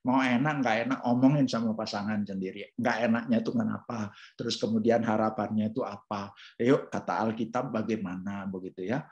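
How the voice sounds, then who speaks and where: A man in his fifties sharing a personal testimony in a relaxed, conversational church talk, with many fillers. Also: fairly low pitch, brisk. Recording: dull lo-fi sound.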